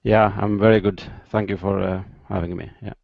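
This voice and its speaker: A man from Ethiopia, a guest in an interview, explaining at length with many pauses and fillers over a video call. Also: lowish voice, little pitch movement, gravelly, no echo, narrow, tinny audio.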